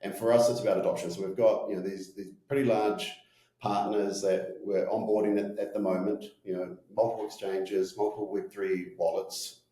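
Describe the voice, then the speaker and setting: A man's voice: fairly low pitch, flat delivery, normal speed, dark tone, echoey room, rough recording. A man in his forties with a broad New Zealand accent, talking informally in an interview and often checking in with "right?". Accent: broad New Zealand (Kiwi). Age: 40s. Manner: informal, peppers talk with "you know" and "right?". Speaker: company executive being interviewed. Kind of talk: casual interview talk.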